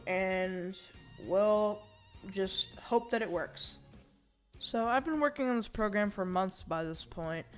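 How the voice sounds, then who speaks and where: Young-sounding woman with braces, slightly slurred S's. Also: mid-range voice. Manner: informal, rambling, thinking aloud. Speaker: hobbyist programmer demonstrating a project. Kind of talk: casual unscripted tech demo narration.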